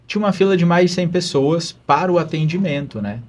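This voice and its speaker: Husky man telling his faith story. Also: fairly high pitch, fairly quick, darkish tone. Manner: earnest, emotional storytelling. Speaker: podcast guest, religious brother. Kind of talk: telling a personal story in an interview.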